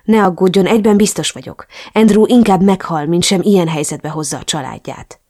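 A woman's voice: lowish voice, dark tone, lightly acted. Woman reading as a remorseful young man. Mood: regretful.

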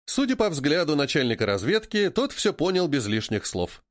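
A man's voice: on the high side, moderate pace, dry recording, clean studio sound. A man narrating an audiobook and voicing its characters. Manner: lively, voicing many characters.

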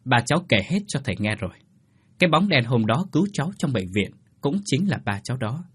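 A man's voice: mid-range voice, big pitch swings, slightly rough. Man playing a solemn village exorcist. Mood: grave. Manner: grave, measured explaining. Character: solemn middle-aged male village exorcist.

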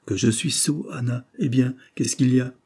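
Grave young man, gentle and steady, a male narrator doing him, mellow and husky. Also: medium pitch, normal speed, voice pushed up. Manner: calm, grave.

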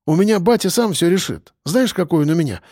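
A man's voice: high voice, lively intonation, fast talker, dark tone, dry recording, studio quality, pitched above the performer's own voice. A man reading an audiobook voices a brash fourteen-year-old boy who brags and talks back. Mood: cocky.

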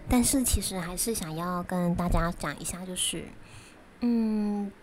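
A woman with a Taiwanese accent chats casually to viewers as a vlog host, talking while eating, in a halting way. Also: fairly low pitch, darkish tone. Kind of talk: casual solo chat to viewers. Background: prominent music.

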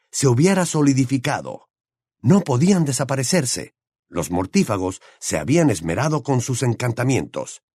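A man reading an audiobook aloud in a dramatic, expressive way. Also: mid-range voice, dry recording, studio quality. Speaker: audiobook narrator. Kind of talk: scripted audiobook narration.

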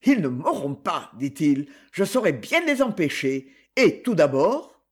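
A man's voice: fairly high pitch, big pitch swings, unhurried, breathy edge, exaggerated voice. Man reading as a hunted, nervous crime writer. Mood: determined.

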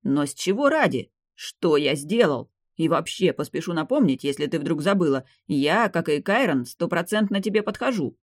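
A woman's voice: low-pitched, very animated, moderate pace, hardly any pauses, dry recording, clean studio sound. A woman voicing an arrogant, indignant young nobleman, the jilted ex-fiancé, in an audiobook.

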